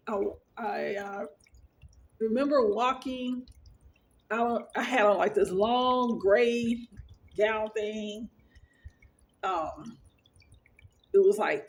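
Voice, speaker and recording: Woman vlogger, mid-pitched, casual and rambling storyteller, earnest. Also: takes it slowly, pauses often. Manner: rambling, with many fillers and restarts. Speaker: vlogger sharing her dreams.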